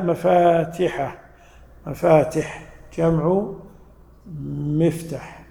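A man teaching a classroom lesson on scripture, explaining slowly and stopping to check words with his students. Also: fairly high pitch, gravelly, mellow. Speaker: teacher of Quran interpretation. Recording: echoey room, long reverb.

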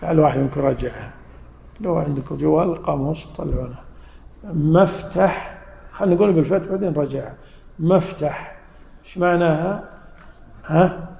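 A man teaching a classroom lesson on scripture, explaining slowly and stopping to check words with his students. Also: a little high, vocal fry, warm tone. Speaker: teacher of Quran interpretation. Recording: echoey room, long reverb.

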